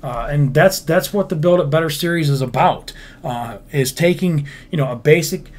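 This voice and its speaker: A livestream host and game builder with a fairly high voice reads viewer comments at a moderate pace and answers them bluntly. He swears freely and rambles, with lots of fillers and restarts.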